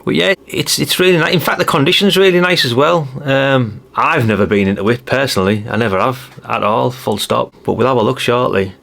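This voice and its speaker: Speaking briskly with few pauses, this British radio hobby channel host has a medium-pitched, creaky, slightly bright voice. His hands-on video showcase is casual and rambling, sprinkled with frequent tag questions.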